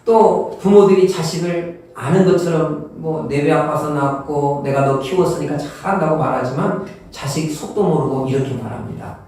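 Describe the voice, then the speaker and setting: A male pastor delivers a folksy, humorous sermon, slipping into little acted-out dialogues. His voice sits a bit high for a man. It is heard from some distance in a church with a heavy, booming echo. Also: moderate pace, few pauses, darkish tone. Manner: acts out everyday speakers in quoted dialogue. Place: church sanctuary.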